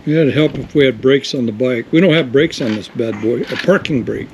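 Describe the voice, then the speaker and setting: A man's voice: mid-range voice, moderate pace, noisy background. A man hosting a garage build video, chatting and teasing his helper in casual shop talk. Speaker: host of a rat rod build video. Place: home garage workshop.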